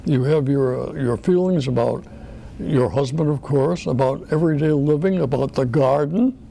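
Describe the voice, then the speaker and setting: A man hosting an interview, asking hesitant, gently stammering questions. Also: fairly high pitch, moderate pace, creaky. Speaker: talk show host.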